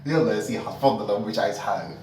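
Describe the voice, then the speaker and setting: This Egyptian-accented man voices an office manager in a comedy sketch, his sarcasm sweet and falsely affectionate. He speaks fast in a lowish, somewhat mellow voice. Faint noise and a far-off mic give the echoey room away.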